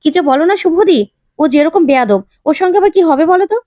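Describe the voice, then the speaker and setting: A woman voicing a sharp-tongued, scornful woman who gossips about a rude girl. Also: very high-pitched, animated, quick pace, no echo, clean studio sound, voice pushed up.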